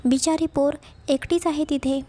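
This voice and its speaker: A woman's voice: high-pitched, steady tone, normal speed, warm tone, voice pushed up, close to an everyday voice. A woman voicing a worried middle-aged mother who pleads and scolds in a storybook reading.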